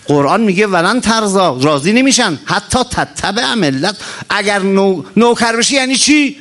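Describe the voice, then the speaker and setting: Impassioned male preacher, lively high voice. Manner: impassioned, rises and drops sharply in pitch; chants Quranic verses slowly. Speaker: cleric. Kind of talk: religious sermon.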